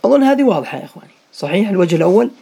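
A man's voice: high voice, very animated, rapid-fire, gravelly, mellow, slightly rough. A man teaching an Arabic grammar class, questioning his students by name, repeating key points and blessing them after their answers. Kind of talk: classroom lesson.

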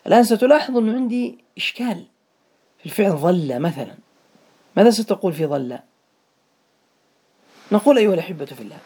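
A man's voice: a little high, a little mellow, slightly rough. A man leads a grammar lesson, calling on his students by name and repeating each point so it sticks. He blesses his students whenever they answer. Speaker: Arabic grammar teacher. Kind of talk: classroom lesson.

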